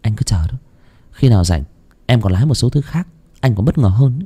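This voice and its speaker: A man's voice: on the low side, animated, a little fast, warm tone, husky. A man voicing a worried, caring young woman colleague in a spoken ghost story. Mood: teasing.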